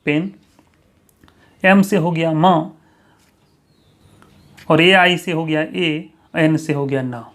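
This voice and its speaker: A man runs a pronunciation lesson at an unhurried pace. He draws out each example and says it again and again. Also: a little high, fairly even intonation, fairly bright tone. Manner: slow, drawn-out, repeats each example. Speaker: English pronunciation teacher. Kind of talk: spoken classroom lesson.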